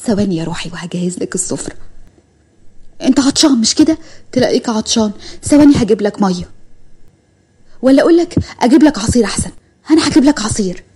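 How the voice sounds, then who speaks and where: A woman's voice: fairly low pitch, rapid-fire, mellow, husky. A woman voicing a doting middle-aged mother who fusses over her son with affectionate questions, in an Egyptian Arabic accent.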